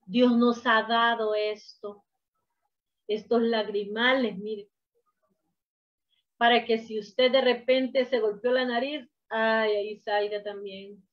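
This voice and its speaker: A woman preacher delivering a sermon, emphatic, swinging from hushed to loud, on a dull lo-fi recording. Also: a little high, steady tone, takes it slowly.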